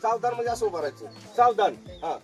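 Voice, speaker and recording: A middle-aged magician works an outdoor farm crowd. His voice sits high for a man, and he is a joking showman who keeps calling for loud applause. Clear music plays behind him. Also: expressive, fast talker. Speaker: magician performing for a tour group. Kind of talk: lively stage patter with crowd banter. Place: outdoors at an agro-tourism farm.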